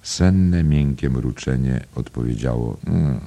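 Male audiobook narrator, calm literary reading, very low and husky. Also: slow. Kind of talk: scripted narration.

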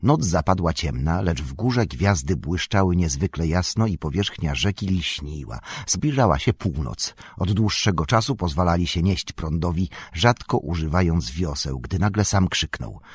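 A man reads a fantasy novel aloud in a calm, measured way. His voice is deep and husky. The recording is dry and close, with no room sound. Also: no room sound. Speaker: audiobook narrator. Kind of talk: scripted narration of a fantasy novel.

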